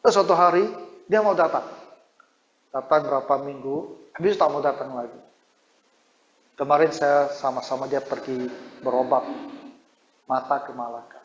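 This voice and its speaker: Male pastor, conversational storyteller, mid-pitched; roomy, dull recording. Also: normal speed, pauses often. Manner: conversational, storytelling with quoted dialogue. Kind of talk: informal sermon with personal stories. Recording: roomy, dull low-fi sound.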